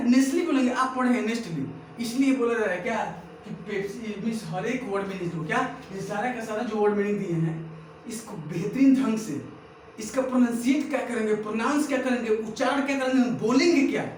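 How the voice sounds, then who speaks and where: A very high-pitched man runs a pronunciation drill, saying each word over and over and firing back "what?" after it. He is recorded from a distance in a very echoey room, with faint noise underneath. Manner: drills words by repetition, keeps asking "what?". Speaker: English teacher.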